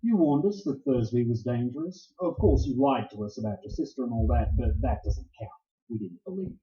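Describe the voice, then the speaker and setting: A man's voice: mid-range voice, expressive, brisk, natural voice. A man playing a hard-boiled private detective in a 1940s-style radio play, with dry, sardonic, clipped tough-guy talk. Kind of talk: 1940s radio acting and narration. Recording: roomy, dull lo-fi recording.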